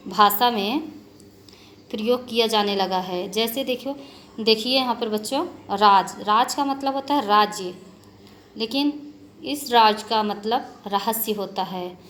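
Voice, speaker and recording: A woman teacher walks children through a grammar lesson, slowly and patiently, with a slightly high voice. She spells out letters one by one and repeats her points. Faint noise hums behind her. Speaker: school teacher.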